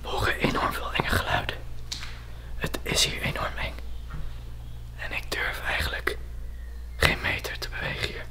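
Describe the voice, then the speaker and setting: A man's voice: moderate pace, long pauses. A man whispers uneasily while hiding, as if vlogging an exploration. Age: 20s. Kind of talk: hushed exploration vlog. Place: abandoned building and nearby woods. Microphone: handheld camera at arm's length. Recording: music under whispered speech.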